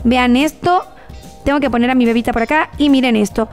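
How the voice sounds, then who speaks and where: A woman's voice: high-pitched, a little fast, soft background music. A woman hosting gameplay commentary, playing a frazzled mother in a theatrical, exclamatory way and talking straight to her viewers. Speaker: gaming channel host.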